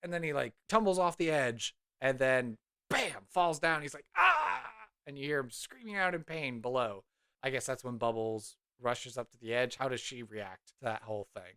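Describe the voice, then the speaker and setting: A man narrating a tabletop role-play scene as game master, in a relaxed, rambling way full of fillers. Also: medium pitch, moderate pace, clean tone, no room sound, clean studio sound.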